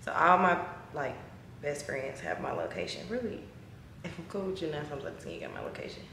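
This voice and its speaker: A woman's voice: low voice, fairly quick, gravelly, background noise. Chatty woman in her twenties, echoey. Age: 20s. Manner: chatty, animated, uses slang. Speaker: vlogger. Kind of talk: casual vlog chat. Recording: echoey room, recorded from a distance.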